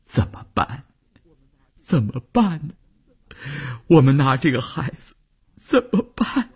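A heartbroken mother cries out in a high, strained voice, as a male storyteller puts her on in a radio novel. Her pleas crack and climb, husky and breathy at the edges, each word pushed out through tears. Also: very animated, slow, a little mellow, exaggerated voice. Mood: pleading. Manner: choked, pleading, rising to shrill outcries. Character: distraught middle-aged mother, pleading and shrill.

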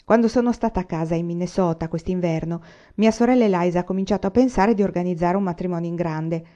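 Brief: a woman playing an eager young suitor, pressing and anxious, voice on the low side. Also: fast, mellow, natural voice. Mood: agitated. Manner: urgent, agitated pleading. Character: earnest young frontier man, a suitor.

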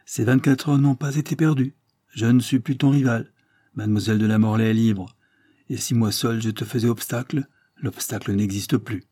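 A man's voice: medium pitch, fairly even intonation, moderate pace, dark tone, dry recording, studio quality, natural voice. A man reading a self-sacrificing young man's lines in an audiobook, his phrasing brief and clipped. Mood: resolute.

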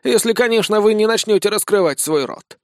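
A bossy old granny demolitionist barks short, slangy orders, voiced by a male audiobook reader. The voice sits high and keeps a dry, close sound with no room around it. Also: fairly quick, dry recording. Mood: stern. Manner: curt, commanding, slangy.

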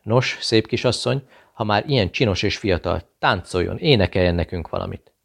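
A man voicing a cruel, mocking male SS officer who taunts and shouts in a raised voice. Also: on the low side, lively intonation, gravelly. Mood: taunting.

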